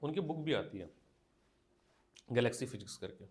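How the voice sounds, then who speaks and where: A man's voice: mid-range voice, expressive, a little mellow. Male teacher dictating a lecture. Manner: dictates slowly, repeats phrases, coaches students directly. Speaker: physics teacher. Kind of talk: classroom lecture. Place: classroom.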